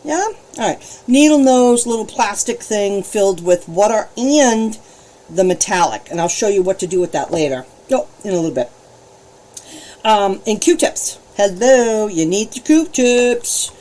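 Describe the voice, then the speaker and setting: A bubbly, chatty woman talks viewers through a live painting session, and she laughs often. Her voice swings up and down a lot as she greets people and explains her supplies. It sits at an ordinary middle pitch. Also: lively intonation, measured pace, warm tone. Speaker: alcohol ink painting host. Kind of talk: casual live-stream painting demo.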